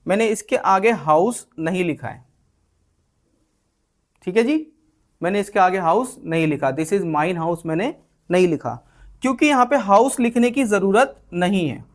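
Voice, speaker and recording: A man's voice: high-pitched, measured pace, pauses often. A man with an Indian English accent, explaining a spoken English lesson and acting out example lines, with frequent "theek hai" checks. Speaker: English teacher.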